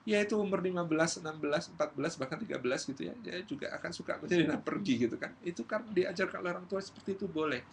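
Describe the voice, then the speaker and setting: A male Islamic preacher giving a lively study lecture, acting out everyday quotes as he tells stories. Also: a little high, racing, vocal fry, hardly any pauses, a little hiss or hum. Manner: lively storytelling, acts out quotes. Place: community gathering hall.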